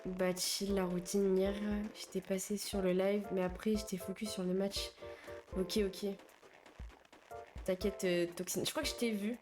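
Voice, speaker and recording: A woman's voice: medium pitch, little pitch movement, a little slow, darkish tone. Chatty young woman streamer, faint game music. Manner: chatty, slangy, answers chat messages. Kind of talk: casual chat with viewers while gaming.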